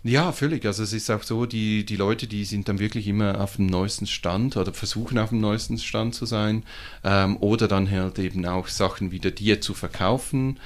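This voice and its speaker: A man with a Swiss German accent, a comic shop owner talking casually as a podcast guest, animated and full of fillers and restarts. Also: fairly low pitch, moderate pace. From Switzerland.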